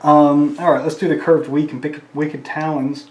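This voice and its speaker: A man's voice: a little high, little pitch movement, moderate pace, echoey room, slight background noise. A man playing a tabletop wargame, counting dice aloud and talking casually to viewers as he plays. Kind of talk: casual play-by-play of a tabletop battle.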